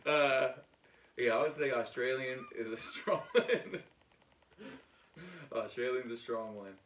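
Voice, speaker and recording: A man co-hosting a podcast in casual chat, with loud, laughing, profane banter. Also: mid-range voice, lively intonation, slow. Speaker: podcast co-host. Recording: echoey room, mic at a distance, faint noise.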